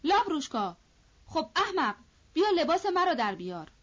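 Woman doing a cranky hussar officer, loud angry barking, dullish audio. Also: high-pitched, sing-song, highs cut off, pitched above the performer's own voice. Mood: gruff. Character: short, fiery male hussar officer, gruff and bad-tempered. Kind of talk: audiobook character voice.

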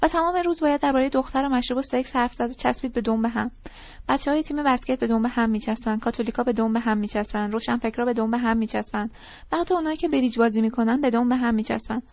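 A woman's voice: fairly high pitch, darkish tone, no echo, natural voice. A woman doing a restless, ranting teenage boy. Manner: rambling and pleading. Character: restless, disgruntled teenage boy pouring out complaints. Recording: dull lo-fi recording.

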